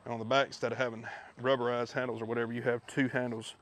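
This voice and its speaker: A man giving a relaxed, chatty walkthrough of his gear outdoors, filmed on a head-mounted camera. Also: medium pitch, racing. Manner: relaxed, chatty, with many fillers. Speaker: fishing video host. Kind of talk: casual product walkthrough. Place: backyard outdoors. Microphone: head-mounted action camera.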